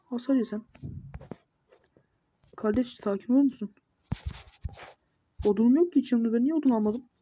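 A woman's voice: on the high side, moderate pace, long pauses, dark tone. A woman giving casual gameplay commentary, muttering self-talk and scolding the monsters. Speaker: gamer. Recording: dull lo-fi mic with noise.

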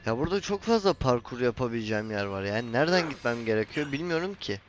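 A gaming channel host narrates his own casual let's-play, exasperated as he scolds the character he's controlling and swears at the camera when jumps fail. He talks fast in a mid-range voice with big pitch swings, over a little hiss or hum.

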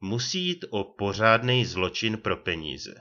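A gruff old retired detective, as a male reader puts him on, blunt and growling, his pitch swinging widely as he talks. The sound is dull and lo-fi. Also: lively intonation, sharp tone. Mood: scheming. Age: older.

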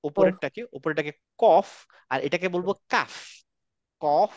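A man teaching an online class in a fairly high, dry, close voice. He is patient and models each sound slowly so that students can repeat it. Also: animated, dry recording, muffled recording. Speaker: Quran reading teacher.

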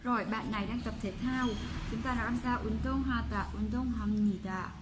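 A woman's voice: fairly high pitch, fairly even intonation, background noise. Patient Vietnamese woman teaching Korean. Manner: patient, repeats each example sentence slowly. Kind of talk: explaining textbook exercises.

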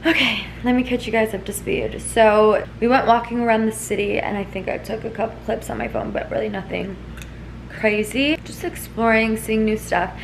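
A vlogger in her twenties chats casually to the camera in her living room and kitchen, rambling with lots of fillers. Her fairly high, creaky voice keeps fairly even intonation at a normal speed. The camera sits at arm's length, and the poor audio carries slight background noise.

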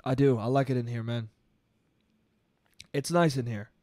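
Talking into a close boom-arm mic in his small bedroom studio, a young man in his twenties delivers a casual solo podcast monologue in a mid-range, mellow voice at a moderate pace. He's loose, profane and rambling, chuckling at his own jokes, slightly congested, with no room sound at all.

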